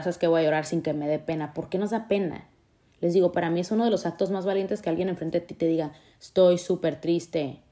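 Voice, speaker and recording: A woman with a Mexican accent talking casually to her viewers about feelings, lively acting out the thoughts she quotes. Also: lowish voice. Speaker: vlogger. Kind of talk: casual talk to camera about emotions.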